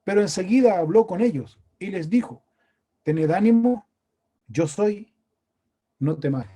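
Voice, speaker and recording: A man's voice: high voice, expressive, unhurried, warm tone, husky. A man from Chile with a Chilean accent preaching a sermon, talking in a conversational way and asking his listeners questions. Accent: Chilean Spanish. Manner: conversational, asks the congregation questions. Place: church meeting room.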